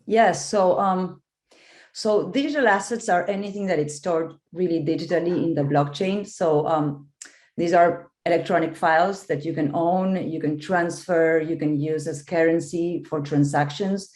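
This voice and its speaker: This Argentine investment partner gives panel remarks at a conference over a video call, speaking at a normal speed in a fairly low, reverberant voice. Her manner is explanatory and steady, sprinkled with fillers.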